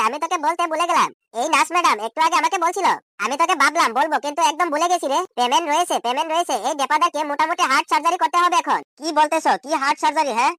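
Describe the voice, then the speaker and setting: A man plays a scolding, exasperated everyday villager in an amateur cartoon comedy, indignantly repeating questions through a pitch shifter. His tone is sharp and the mood puzzled, recorded in studio quality with no room sound.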